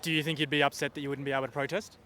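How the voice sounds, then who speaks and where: A man's voice: medium pitch, little pitch movement, very fast, bright, forceful tone. A man interviewing people at an outdoor rally, asking probing questions. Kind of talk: street interview.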